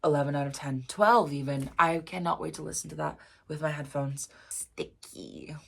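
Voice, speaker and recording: A woman reacting to an album in a casual vlog, emotional and gushing, full of "like" fillers and soft near-whispers. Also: sits low, brisk, creaky, breathy edge. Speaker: music reaction vlogger.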